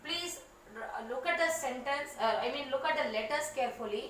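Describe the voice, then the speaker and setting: During an online class, a female teacher patiently works with young children, repeating words and spelling them out one by one. Her high, somewhat bright voice stretches out words, and the echoey room, distant mic, and faint ambience leave slight background noise.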